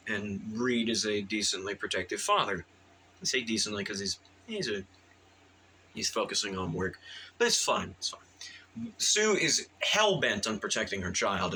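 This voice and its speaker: A man's voice: fairly low pitch, pushed and bright, slight background noise, low-quality recording. A man giving a casual, rambling movie review, full of fillers and restarts and eager in tone.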